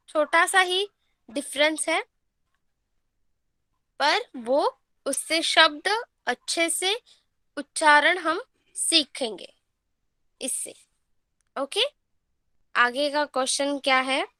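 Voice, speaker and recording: A woman teacher giving an online Hindi lesson to children, reading words slowly and repeating them for her pupils. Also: high-pitched, sharp tone, no echo.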